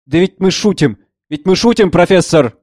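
A man's voice: high voice, animated, normal speed, a little mellow, no echo, clean studio sound. A man voicing a burly, insolent man who talks down with sneering politeness. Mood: mocking. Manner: sneering, condescending.

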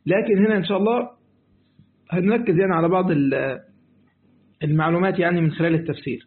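A man's voice: high-pitched, fast. A man with an Egyptian accent teaching a lesson on a classical exegesis text in colloquial style, acting out little dialogues between his explanations. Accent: Egyptian Arabic. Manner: lively, acts out dialogues, switches between reading text and colloquial asides. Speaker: sheikh teaching Quranic exegesis. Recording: tinny phone-like audio.

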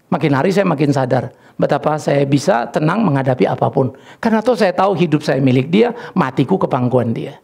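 A man's voice: fairly high pitch, gravelly, a little mellow, husky. An older man, a grandfather, preaching a sermon and telling a story from his own life, slipping English words into his talk and laughing at his own tale. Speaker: pastor.

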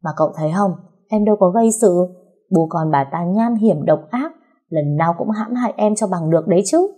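A woman voicing a sharp-tongued, scheming young wife who taunts in sing-song rhymes and wails theatrically. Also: lowish voice, expressive, fairly quick, husky. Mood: taunting.

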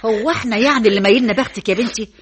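A woman's voice: on the high side, rapid-fire, slight background noise, close to an everyday voice. An actress playing a teasing, motherly middle-aged aunt in an Egyptian accent, in a radio drama. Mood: coaxing. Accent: Egyptian Arabic. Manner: coaxing, lively.

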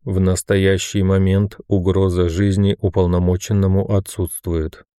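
A man voicing an emotionless station computer that speaks in a mechanical, metallic, lifeless monotone. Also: sits low, measured pace, smooth, dry recording, clean studio sound. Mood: impassive. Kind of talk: audiobook narration.

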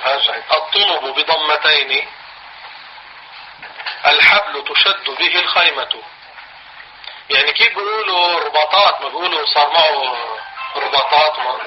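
A man with a Levantine Arabic accent teaching a religious lesson, explaining slowly, repeating phrases and dictating notes to his class. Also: a little high. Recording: dull lo-fi recording, faint hiss.

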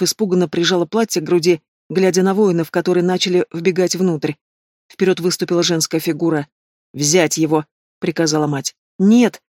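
A man reads a fantasy audiobook in a measured storytelling manner. His voice sits high for a man, and the sound is close and dry. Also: darkish tone, no room sound. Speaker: audiobook narrator. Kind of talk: scripted fantasy narration.

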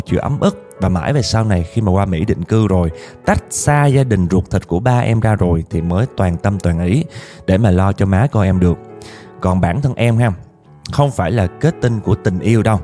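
A man with a Southern Vietnamese accent narrates a listener's life story in the first person, chatty and confiding, often turning to speak to his audience. His voice is low and mellow, with faint music playing behind him.

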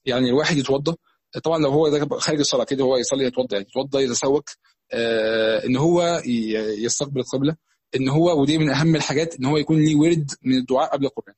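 Husky Egyptian male preacher, rapid conversational teaching, dry close sound, slightly high voice. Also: darkish tone, dry recording. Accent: Egyptian Arabic. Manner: fast, conversational teaching with many restarts and repetitions. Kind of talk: religious lesson.

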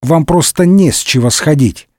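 A man's voice: a little high, normal speed, a little mellow, no room sound, clean studio sound, voice pushed up, natural voice. A man voicing a scheming, sardonic middle-aged cardinal in a comic audiobook, wry and condescending. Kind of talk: audiobook character voice.

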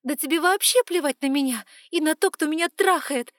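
Woman voicing a fiery young heroine, shrill, high, loud, tearful edge, dry close sound. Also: fairly quick, dry recording. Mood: angry. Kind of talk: audiobook character voice.

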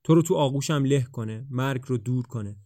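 A man's voice: medium pitch, warm tone, no echo, clean studio sound, close to an everyday voice. A man voicing Julian, an anxious young man who pours out urgent, pleading words to a woman. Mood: passionate. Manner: urgent, pleading, rising to passionate. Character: anxious young man, scared then bold.

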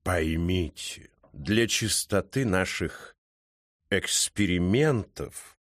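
A man playing a storybook magic cat, male and pedantic, drawling each word slowly and low as he lectures. His tone is stern and measured, with lively swings in pitch. The sound is dry and close. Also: no room sound, heavily acted. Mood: lecturing.

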